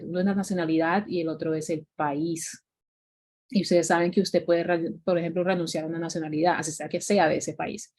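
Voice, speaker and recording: A woman's voice: lowish voice, warm tone. A woman with a Colombian Spanish accent teaching English grammar in an online class, with many fillers, sounding out each English example word by word.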